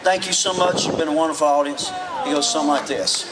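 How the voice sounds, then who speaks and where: A man gives casual between-song patter as an [name] tribute act. His voice sits a little high for a man. It comes through a live outdoor stage PA, picked up from the audience. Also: fast talker, distant mic, over a noisy crowd, heavy background noise. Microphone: handheld stage microphone.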